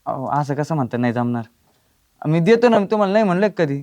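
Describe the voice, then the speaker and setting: A man's voice: a little high, very animated, fast talker, a little mellow. An actor playing a poor young husband who lied about his wealth, pleading and evasive. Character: broke young husband, sheepish liar, pleading. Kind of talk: comic village drama acting.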